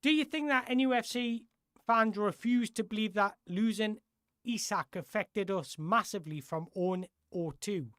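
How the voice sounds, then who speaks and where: A football host on a live stream chats through viewers' questions at a moderate pace, his ordinary-pitched voice a bit bright. He rambles and corrects himself, often rephrasing mid-sentence. No room echo; it's recorded close and dry.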